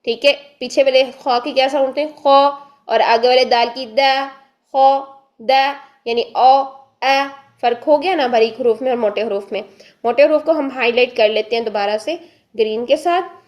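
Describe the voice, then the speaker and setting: A woman teaching Quran reading in a recorded lesson, explaining step by step and sounding out letters slowly. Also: on the high side. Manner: patient, repeats letter sounds slowly and drawn out; explains step by step, asks and answers her own questions.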